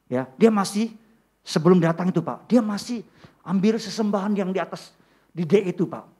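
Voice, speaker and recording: A man preaching a sermon in church, often calling out to the congregation, rising to loud peaks. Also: a little high, husky. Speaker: pastor.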